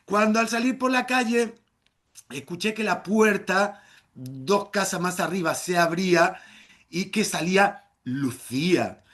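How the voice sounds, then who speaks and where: A middle-aged man spins a comic tale for a live audience, his voice sitting high for a man. He tells it playfully and bursts into theatrical shouted exclamations. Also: animated, measured pace. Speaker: storyteller. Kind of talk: live oral storytelling.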